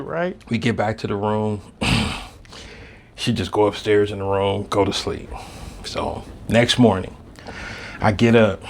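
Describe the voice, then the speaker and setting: A man hosting a podcast, telling a comedic story and swinging between low muttering and loud outbursts. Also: vocal fry, slight background noise. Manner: fills his talk with "you know what I'm saying" and "right".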